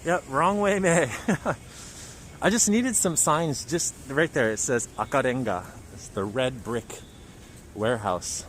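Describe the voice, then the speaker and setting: A man from Japan hosts a casual livestream walking tour of city streets, chatting and reading viewer comments aloud. His mid-range voice is slow-paced and fairly bright, recorded outdoors amid traffic and street noise.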